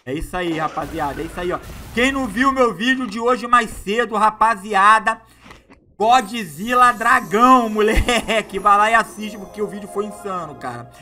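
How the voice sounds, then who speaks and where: A man doing excitable, slangy live gameplay commentary as a gaming YouTuber, hyping up his viewers. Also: high voice, normal speed, faint music behind.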